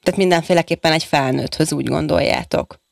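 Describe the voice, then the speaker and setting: A woman's voice: low voice, vocal fry, dry recording. A woman hosting a radio talk show from a studio microphone, encouraging her young guests and summing up their answers before asking more. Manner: encouraging, sums up answers and asks follow-up questions. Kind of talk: radio interview with school pupils.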